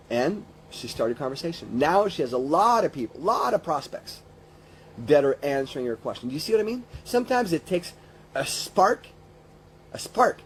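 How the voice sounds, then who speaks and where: A man in his fifties with a fairly high voice gives an informal motivational talk on business coaching, rambling conversationally and repeating phrases for emphasis. There is slight background noise.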